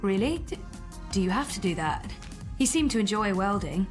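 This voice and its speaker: A woman's voice: medium pitch, big pitch swings, moderate pace, soft background music, natural voice. A woman playing a kind young workshop employee in a video game. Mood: pleading. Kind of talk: video game character acting.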